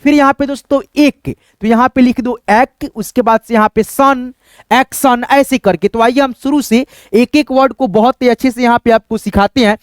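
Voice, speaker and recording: A man's voice: very high-pitched, fairly even intonation, moderate pace, no echo, studio quality. A man giving an online pronunciation lesson, spelling words out letter by letter, repeating each one, and constantly addressing his viewers as friends. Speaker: English teacher.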